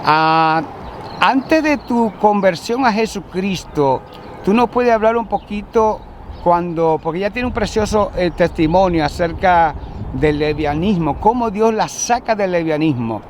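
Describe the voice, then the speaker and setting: A man with a fairly high voice hosts a church interview. He opens with blessings and guides his guest with pastoral, leading questions. Urban traffic noise is loud behind him outdoors. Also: lively intonation, measured pace. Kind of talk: religious interview. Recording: noisy outdoor recording with traffic.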